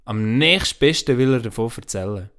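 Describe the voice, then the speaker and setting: A man reads a children's story aloud. His mid-pitched voice swings up and down in a lively, expressive storybook lilt. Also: normal speed, clear, resonant tone.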